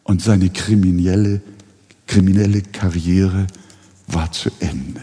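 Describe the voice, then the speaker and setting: A male pastor who preaches a sermon, telling the story slowly and dramatically. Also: sits low, steady tone, mellow, husky, big-room sound.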